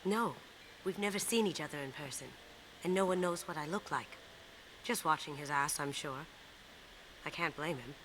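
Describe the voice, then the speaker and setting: Low, sly, cocky game thief, clear hiss of background noise. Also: female voice, moderate pace, pauses often, poor audio. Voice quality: confident, sly, softly spoken. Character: cocky, playful female master thief. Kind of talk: video game dialogue.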